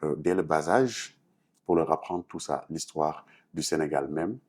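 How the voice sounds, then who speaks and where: A slightly rough, rumbling low voice delivers a little slowly. The speaker, a Senegalese artist and activist appearing as a talk show guest, earnestly answers interview questions in French-speaking West African style with a Senegalese accent.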